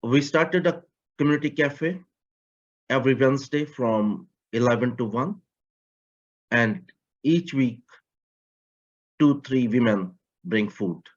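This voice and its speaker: A man presenting to an online forum in a steady, deliberate way, with the odd turn of phrase. His voice sits in the middle range. The call audio is somewhat muffled. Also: mid-range voice. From Pakistan. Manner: measured, slightly non-native grammar. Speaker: community project coordinator. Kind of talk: prepared talk. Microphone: video call.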